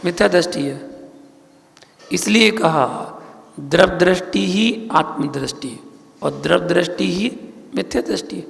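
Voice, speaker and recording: A man, a Jain monk, giving a sermon, teaching slowly with repeated phrases and questions to his listeners. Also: extremely high pitch, gravelly, a bit bright, in a large hall. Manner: slow, repetitive teaching with questions to the audience.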